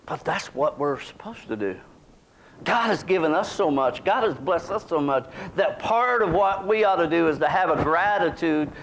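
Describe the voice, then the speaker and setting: A man's voice: on the high side, animated, moderate pace, a bit bright, a little hiss or hum. A middle-aged man, preaching a sermon in a small church in a folksy, conversational way. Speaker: pastor. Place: small church sanctuary, indoors.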